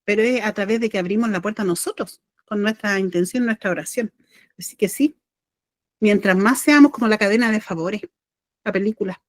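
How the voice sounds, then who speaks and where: A woman's voice: medium pitch, no echo, studio quality. A middle-aged woman with a Chilean accent, a spiritual channeler telling a personal story in a rambling, self-correcting, heartfelt way. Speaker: spiritual channeler and podcast host.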